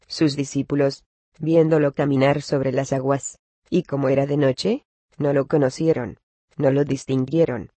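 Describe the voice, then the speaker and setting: A man reading religious commentary and scripture passages aloud at a measured, even cadence. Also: mid-range voice, no room sound. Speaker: reader of a religious text.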